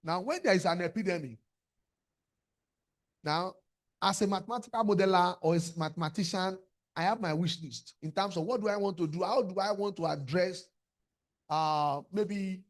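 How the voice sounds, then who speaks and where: A man's voice: high-pitched, moderate pace, long pauses. A man giving an academic lecture, asking rhetorical questions and repeating words as he searches for the next one. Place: lecture room.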